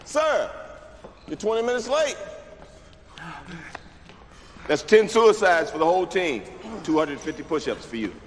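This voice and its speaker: Strict american coach in a movie, commanding, echoey hall, bit of noise. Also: male voice, sits high, very animated, normal speed. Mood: stern, cutting. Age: middle-aged. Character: stern, commanding male high school basketball coach. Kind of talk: film drama acting. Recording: echoey gym hall, film clip with noise.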